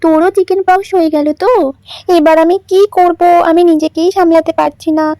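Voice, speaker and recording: A woman's voice: very high voice, fairly even intonation, a little fast, dark tone, dry recording. A woman voicing a sick, worried village mother who frets and sighs her complaints in a doll story. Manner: fretful, sighing complaints.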